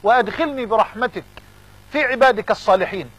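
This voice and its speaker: Male preacher, Egyptian accent, sermon delivery, fervent and repetitive, very high raspy voice. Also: fast talker, a bit bright, no echo, rough recording. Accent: Egyptian Arabic. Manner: fervent, repeats phrases for emphasis.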